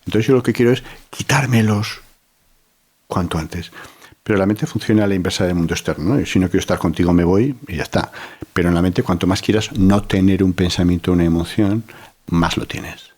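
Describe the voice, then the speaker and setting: Deep husky-voiced man. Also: a little fast, darkish tone. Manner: reflective, many "¿no?" tags and restarts. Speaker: psychiatrist guest. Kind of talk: calm explanatory interview talk.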